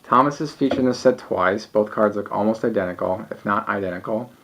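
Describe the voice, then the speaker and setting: Gravelly low-voiced card collector, tired. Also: male voice, a little fast. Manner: relaxed, rambling, with frequent ums and restarts. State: tired, yawning late at night. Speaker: sports card collector showing his cards. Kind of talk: casual solo video. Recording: dull lo-fi home recording.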